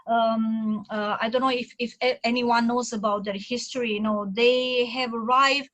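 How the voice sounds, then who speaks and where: A woman from Romania gives an informal, enthusiastic talk on a video call as a community speaker at an online meeting. Her voice is a little high and fairly bright, with fairly even intonation and a moderate pace, and she uses many fillers and restarts. The recording is dry.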